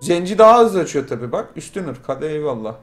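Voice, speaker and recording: A man from Turkey giving casual, crude, excitable commentary over a game he is playing, often shouting at it. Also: on the high side, fast. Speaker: gamer streaming a playthrough. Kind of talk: casual Let's Play commentary. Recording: game music playing underneath.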